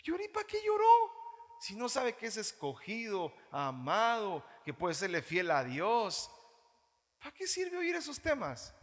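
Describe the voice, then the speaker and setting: A man with a Guatemalan Spanish accent preaching a sermon as pastor, animated, mimicking churchgoers in mocking voices. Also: sits high, unhurried. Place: church hall. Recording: reverberant church hall.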